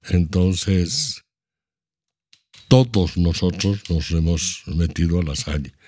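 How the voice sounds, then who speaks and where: A man in his seventies with a Bolivian Spanish accent, a guest in an interview, recalling his upbringing in a measured, explanatory way. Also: sits low, a little mellow. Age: 70s. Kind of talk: reflective storytelling.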